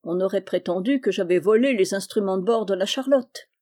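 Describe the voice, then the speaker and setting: A rowdy, sarcastic seafaring man, quick to laugh and full of boastful mockery, put on by a woman narrating a storybook. The voice is mellow underneath but pushed higher and louder for him. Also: natural voice. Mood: teasing. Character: boisterous, mocking male island sailor.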